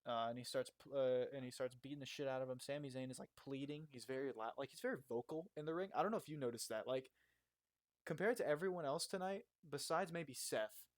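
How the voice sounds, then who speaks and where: Young male podcast co-host, mid-pitch, casual rambling recap style, profane, dry room. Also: fast, no room sound. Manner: rambling, swears freely, many fillers. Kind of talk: casual wrestling review chat. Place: makeshift home recording spot.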